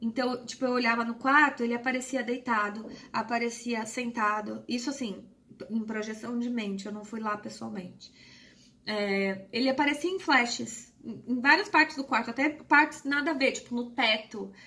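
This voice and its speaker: Soft-spoken high-voiced woman, emotional storyteller. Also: steady tone. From Brazil. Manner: soft, emotional, hesitant with pauses. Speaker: spiritual channel host. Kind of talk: personal storytelling to camera.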